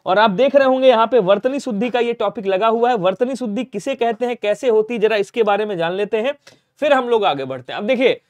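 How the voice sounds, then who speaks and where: A man with a very high voice teaches an online exam-prep spelling lesson. He keeps asking the students questions, answers them himself, and tells them again and again to remember. The sound is dry and close, with no room around it. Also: no echo. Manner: repeats reminders to remember.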